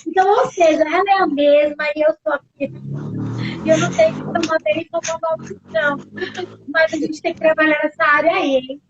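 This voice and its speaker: A woman's voice: high-pitched, brisk, lo-fi sound. A middle-aged woman pastor with a Brazilian Portuguese accent, talking casually to her church, full of tag questions and acted-out quotes. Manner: chatty, tag questions, animated quoting.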